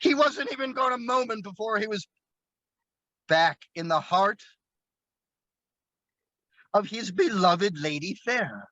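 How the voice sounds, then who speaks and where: A man does his magic act as a slow, playful storyteller. His voice sits high and bright, and now and then he breaks into excited whoops. The recording is dry and a little dull, with no room around it. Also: no room sound. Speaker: magician performing at an open mic show. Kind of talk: storytelling patter during a coin trick.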